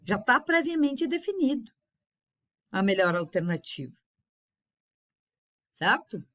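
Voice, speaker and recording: A woman teaching a class in an unhurried lecture, with many fillers and repeated words. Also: a little high, big pitch swings, fairly bright tone.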